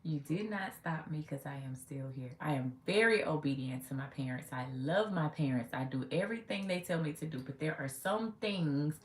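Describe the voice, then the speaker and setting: A woman in her late thirties hosts a casual livestream, chatting with viewers and sassily talking back to their comments. Her voice sits low with lively intonation, moving at a normal speed with hardly any pauses. The room sounds echoey, with faint ambience in the background.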